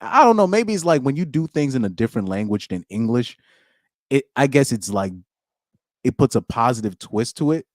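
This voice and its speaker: A man's voice: mid-range voice, big pitch swings, normal speed, no echo, clean studio sound. A young man hosting a live-streamed podcast in casual chat, reading out comments and rambling with slang and frequent restarts.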